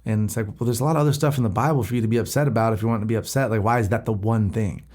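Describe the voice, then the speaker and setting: A man talks alone into the mic for his podcast, his voice sitting a little low. He rambles casually, circling back and restarting his sentences as he thinks aloud. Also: steady tone, rapid-fire, a little mellow. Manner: rambling and conversational, with many restarts and laughs. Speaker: podcast host. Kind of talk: casual solo monologue.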